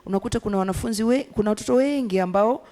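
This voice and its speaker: Tanzanian woman talking fast at a workshop, switching swahili n english. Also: mid-range voice, warm tone. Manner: fast and fluent, explaining points. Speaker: workshop participant. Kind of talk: discussion contribution mixing Swahili and English.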